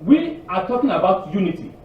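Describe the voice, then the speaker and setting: A man's voice: sits high, big pitch swings, fairly quick, slight background noise. A man preaching a sermon to a congregation, emphatic and repetitive, often restarting his words. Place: congregation hall. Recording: echoey hall from far off, dull.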